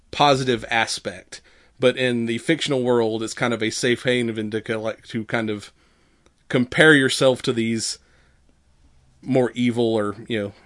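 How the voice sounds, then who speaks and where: A man co-hosting a podcast in casual chat, halting and conversational, with some swearing. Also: medium pitch, a bit bright. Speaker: podcast co-host.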